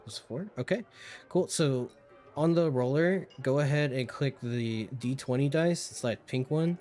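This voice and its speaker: Over voice chat, a man serving as game master for a tabletop game describes a scene and explains dice rolls, rambling with plenty of fillers. His mid-range voice is unhurried and darkish, with faint music in the background.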